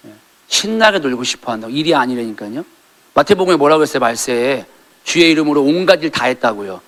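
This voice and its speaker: A middle-aged male pastor preaching a sermon in a church, acting out quoted lines and rising to loud peaks. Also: mid-range voice, lively intonation, fast. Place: church sanctuary.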